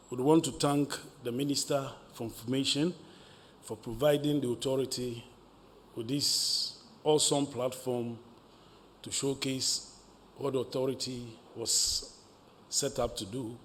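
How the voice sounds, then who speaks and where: A man's voice: medium pitch, steady tone, measured pace. A man, a maritime agency director general giving a formal, ceremonious address at a press briefing. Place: press briefing room at podium. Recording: reverberant hall with faint noise.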